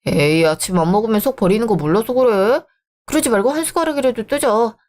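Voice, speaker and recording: A woman voicing a bossy married man who pushes and scolds in a lowered voice. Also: brisk, a little mellow, natural voice. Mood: coaxing. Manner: pushy, scolding, lower-pitched. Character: bossy married man, sister-doting husband.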